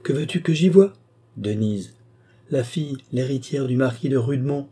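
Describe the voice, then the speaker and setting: A man's voice: medium pitch, animated, moderate pace, warm tone, husky, voice pushed up. Proud, earnest young man, read by a man. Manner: earnest, firm.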